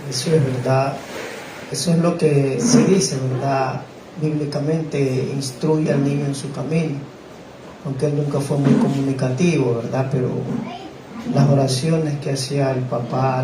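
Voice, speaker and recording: A man preaching to a congregation as pastor, exhorting the listeners and often checking in with them. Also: mid-range voice. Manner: exhorting congregation, frequent "¿verdad?". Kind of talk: sermon. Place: church. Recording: echoey church room with noise.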